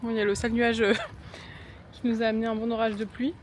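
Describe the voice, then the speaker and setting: A woman's voice: a little high, flat delivery, fast, a little hiss or hum, rough recording. A woman casually chatting through a travel vlog while walking around a city, filming on a handheld phone, easygoing, with many fillers. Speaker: travel vlogger. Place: outdoors in a city, partly on a bus.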